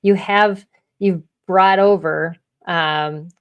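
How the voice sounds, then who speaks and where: A woman's voice: lowish voice, steady tone, drawn-out words, clean tone, dull audio. A middle-aged woman hosting an interview in casual chat, often repeating words as she thinks. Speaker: podcast host.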